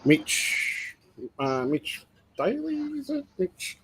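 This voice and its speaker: A man's voice: a little high, wildly swooping pitch, slow pace, vocal fry, a bit bright, a little hiss or hum, rough recording. A man co-hosting a reptile livestream, telling stories in a rambling, filler-heavy casual way. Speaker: co-host of a reptile breeding livestream. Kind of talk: casual chat.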